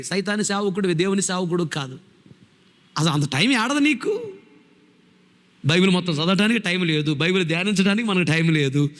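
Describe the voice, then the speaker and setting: A man's voice: sits high, a bit bright, long reverb tail. A male pastor preaching a sermon, emphatic, firing rhetorical questions at his congregation.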